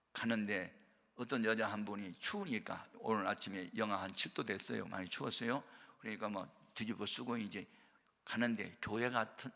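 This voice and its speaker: An older man preaching a sermon as a pastor, telling stories and acting out dialogue with sudden loud bursts. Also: lowish voice, long reverb tail.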